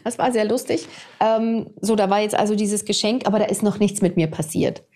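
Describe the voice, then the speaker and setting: A woman in her fifties, a TV presenter, telling her personal story to an interviewer in a candid, animated way. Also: mid-range voice, brisk. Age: 50s. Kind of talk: personal testimony in conversation.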